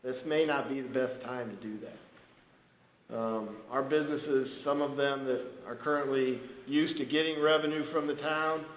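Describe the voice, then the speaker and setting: A male town official speaks informally during a council meeting held over a conference call. His mid-range voice keeps a steady tone and a measured pace. The phone line is narrow and tinny, echoey and noisy.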